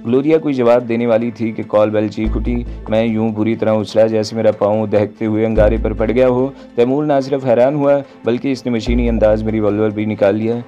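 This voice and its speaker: A male narrator reads a story aloud in an even, measured way. His voice is low and very dark, with little rise and fall. The recording sounds dull and lo-fi, with faint music underneath. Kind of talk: scripted audiobook narration.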